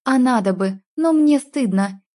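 A woman's voice: fairly high pitch, lively intonation, measured pace, mellow. A woman narrating an audiobook chapter in the first person, reading in an emotional, dramatic way.

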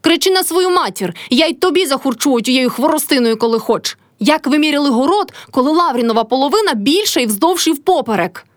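A woman reading aloud, voicing a hot-tempered young peasant wife who scolds and shouts. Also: sits high, animated, brisk, few pauses, no echo, clean studio sound, voice pushed up. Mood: angry.

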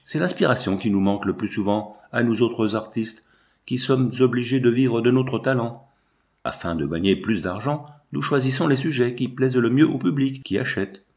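A man reading the part of an earnest, proud young painter in a storybook, sincere and measured. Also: mid-range voice, darkish tone, lightly acted. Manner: earnest, then cold and stiff.

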